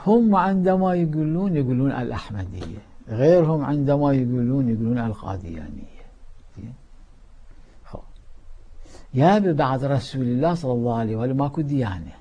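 Gravelly preacher man, hushed to loud. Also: mid-range voice, animated, a little fast, muffled recording. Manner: swings between loud declaiming and hushed asides. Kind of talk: sermon.

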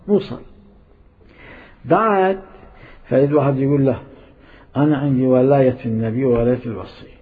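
A man with an Iraqi Arabic accent preaching a sermon as a cleric, emphatic and scolding, repeating his points. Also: on the high side. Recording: tinny phone-like sound.

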